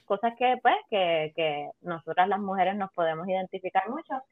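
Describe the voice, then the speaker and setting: A woman's voice: mid-range voice, lively intonation, moderate pace. Spanglish-speaking woman, phone-like sound. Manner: Spanglish, mixing English words into Spanish. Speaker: panelist in a film discussion. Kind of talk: casual chat, film review. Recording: thin, phone-like, roomy sound.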